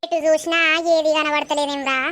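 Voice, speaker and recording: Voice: high voice, level tone, normal speed, fairly bright tone. A performer voicing a motherly village woman in a cartoon, scolding and soothing a crying man in a Telangana Telugu accent. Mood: consoling. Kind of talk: cartoon voice acting.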